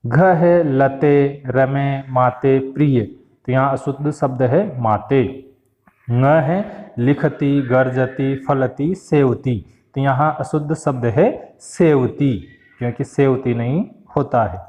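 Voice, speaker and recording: A man's voice: mid-range voice, fairly even intonation, slow pace, big-room sound, phone-quality sound. A male teacher giving a recorded class lesson. He reads each word aloud, then explains it plainly.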